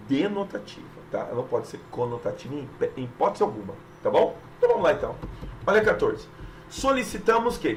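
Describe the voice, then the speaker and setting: A man's voice: medium pitch, slight background noise, poor audio. Chatty Brazilian man teaching grammar. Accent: Brazilian Portuguese. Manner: chatty and emphatic, keeps checking in with the listener. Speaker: teacher correcting an exam. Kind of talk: informal exam-review lesson.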